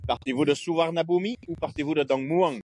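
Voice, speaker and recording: A man's voice: a little high, fairly quick, slight background noise. A man with a Québécois French accent telling travel anecdotes in a casual chat, acting out bits of dialogue. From Quebec. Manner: animated storyteller, acts out dialogue. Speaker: podcast guest.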